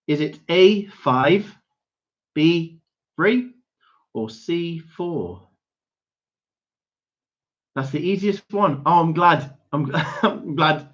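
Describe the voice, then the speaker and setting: A young man hosting a pub quiz, reading each question slowly, repeating and spelling it out, chuckling and correcting himself as he goes. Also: fairly high pitch. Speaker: quiz host. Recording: dull lo-fi stream audio.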